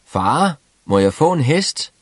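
A man voicing a cheerful, simple-minded young peasant who shouts merrily. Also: fairly high pitch, sing-song, no room sound, clean studio sound, pitched above the performer's own voice. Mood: eager.

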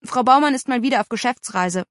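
A woman's voice: on the high side, brisk, no echo, studio quality, voice pushed up, close to an everyday voice. A woman doing a teasing teenage brother. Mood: grumbling. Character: joking teenage boy, long-legged older brother.

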